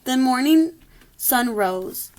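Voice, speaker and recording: Higher-voiced woman reading a children's story. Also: animated, slow, darkish tone. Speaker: storybook reader. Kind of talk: read-aloud rhyming children's story.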